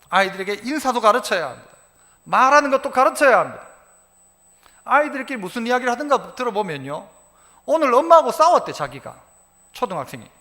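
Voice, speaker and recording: A male pastor delivers an animated sermon, acting out little scenes of dialogue as he goes. His voice sits very high and bright, and it swings widely in pitch. The sound carries a long church-hall reverb. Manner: animated preaching, acts out quoted dialogue. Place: church sanctuary.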